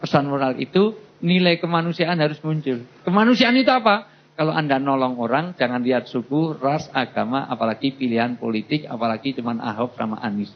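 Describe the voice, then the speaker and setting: A man giving a humorous sermon as a preacher, jokey and animated, slipping into other voices. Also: medium pitch, brisk. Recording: dull lo-fi recording with faint noise.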